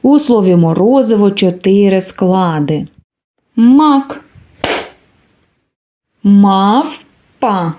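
Slow, mellow-voiced woman teaching preschoolers. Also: mid-range voice, lively intonation, a little hiss or hum. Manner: slow, clearly enunciated, drawing out words. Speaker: kindergarten teacher. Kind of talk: preschool literacy lesson.

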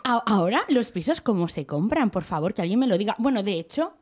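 A woman, co-hosting a comedy podcast in a studio, chatting briskly and acting out other people's lines. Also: mid-range voice. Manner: lively, acts out quoted relatives. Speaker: podcast co-host. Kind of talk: casual comedic chat. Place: radio studio.

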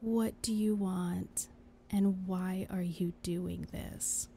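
A woman playing a gentle, principled female angel in a soft, breathy, earnest ASMR role-play. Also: lowish voice, steady tone, very slow, slight background noise. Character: gentle, principled female angel, reassuring yet exasperated conscience.

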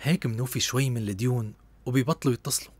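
Man voicing a brisk polite assistant. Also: medium pitch, husky, no echo, close to an everyday voice. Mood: calm. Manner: polite, advising. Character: calm scheming male assistant. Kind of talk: dubbed TV drama.

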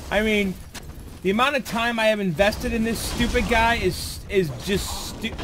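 A man doing let's play commentary, talking to his viewers and cursing loudly at the game as he plays. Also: high-pitched, fairly even intonation, a little slow, noisy background. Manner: frequent swearing outbursts, yelling at the game; talks to viewers as "guys". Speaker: gamer streamer.

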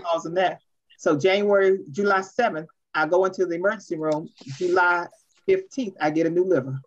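A woman leading an online church workshop, talking fast and animated. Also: lowish voice. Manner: fast, animated, says she talks too fast. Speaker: workshop presenter. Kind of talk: online workshop, casual talk. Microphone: video call. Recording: lo-fi video call audio.

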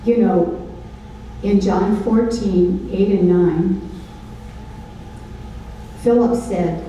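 An older woman preaches a Bible study from a stage lectern, pausing to throw questions at her listeners. Her voice is very dark and mellow, and she speaks slowly and deliberately. She sounds distant in a large, echoey hall with faint ambience behind her. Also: mid-range voice, a little hiss or hum. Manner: call-and-response questions, emphatic. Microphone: handheld mic.

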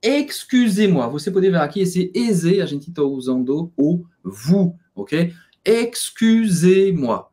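A man's voice: fairly high pitch, measured pace, hardly any pauses, dark tone. A man co-hosting a casual video lesson, who repeats each word several times so it can be practiced. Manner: drills words by repeating them. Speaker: language teacher, co-host.

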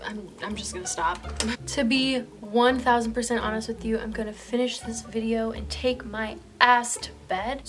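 A woman's voice: a little high, a bit bright. A woman in her twenties chatting casually to camera in a giggly, tipsy, rambling way, blunt and playful with plenty of swearing. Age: 20s. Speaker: makeup vlogger. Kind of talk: casual chat to camera while applying makeup. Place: indoors, small room in front of a fabric backdrop.

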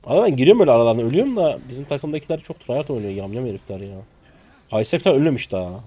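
A Turkish man in his twenties streams himself racing, commenting live on his own match for viewers. His pitch jumps all over, dropping to low mutters and then spiking into squeaky yelps. The delivery is loose, excitable and jokey, peppered with casual swearing.

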